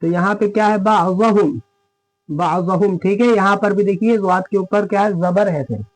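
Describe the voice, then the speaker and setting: A man with a high voice gives a brisk spoken lesson on Quran reading, recorded roughly. He walks through each rule step by step, recites examples, and checks in with his listeners.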